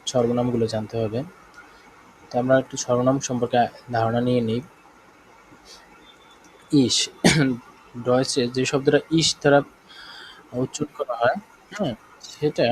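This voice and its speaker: A man with a Bangladeshi Bengali accent leads a live online German lesson, speaking slowly, going over points again and frequently making sure his students are keeping up. His voice sits at a medium pitch with a slightly mellow quality. The audio is poor, with a faint hiss or hum.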